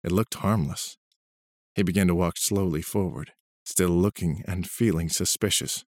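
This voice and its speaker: Deep dry male storyteller reading prose steadily over faint music. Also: normal speed, darkish tone, no echo. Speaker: narrator. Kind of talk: scripted storybook narration.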